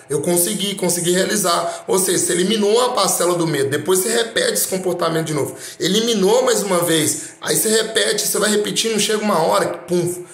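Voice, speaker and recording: A man's voice: on the high side, gravelly. A man with a Brazilian Portuguese accent giving a motivational talk, speaking emphatically and straight to the listener with repeated phrases. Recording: roomy echo.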